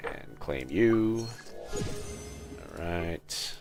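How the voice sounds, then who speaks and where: With a deep, gravelly voice, this game streamer draws out his words and lets his pitch swoop wildly. He chats casually on a livestream and often mutters to himself while video game music plays underneath.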